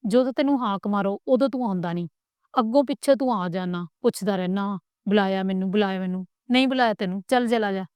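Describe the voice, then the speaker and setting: A woman voicing a doting older village grandmother who scolds tenderly and mutters low, in a storybook reading. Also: fast talker, darkish tone, clean tone, no room sound, lightly acted. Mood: fussing, scolding.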